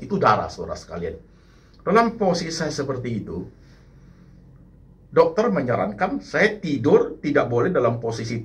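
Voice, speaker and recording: A middle-aged male pastor preaching a sermon in church, calling the congregation "my brothers" again and again and building to emphatic bursts. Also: mid-range voice. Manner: addresses the congregation as "saudaraku" over and over, rising to emphatic bursts; mixes English phrases into the sermon.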